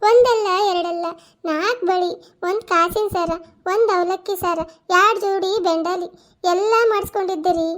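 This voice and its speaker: A wailing older village woman from a cartoon, played by a woman, shrill voice, complaining lament. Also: moderate pace.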